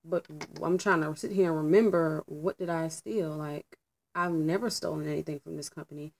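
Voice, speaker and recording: A woman's voice: low voice, normal speed, creaky, low-quality recording. Chatty young woman telling a storytime. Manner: candid, chatty, frequent ums and likes. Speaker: vlogger. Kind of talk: casual storytime while doing her hair.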